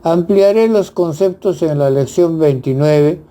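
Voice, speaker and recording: A man teaching grammar, reading lists of example words in a measured, deliberate way. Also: a little high, warm tone. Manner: measured, spells out examples one by one. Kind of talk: slow instructional reading.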